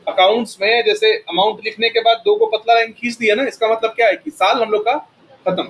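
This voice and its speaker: A man teaches a classroom lesson. He fires a steady stream of questions at his students and then answers them himself. Faint noise hangs behind him. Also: sits high, brisk, rough recording. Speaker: accounting teacher. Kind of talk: classroom lecture.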